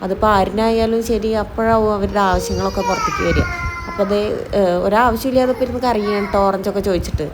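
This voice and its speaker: A young mother rattles through her day in a brisk, easy stream, correcting herself as she goes. Her voice sits at an ordinary middle pitch. A faint hum of background noise runs under her words. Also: fairly even intonation. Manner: chatty, homely, self-correcting as she talks. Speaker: mom vlogger. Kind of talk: casual chat to camera. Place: home kitchen and dining area.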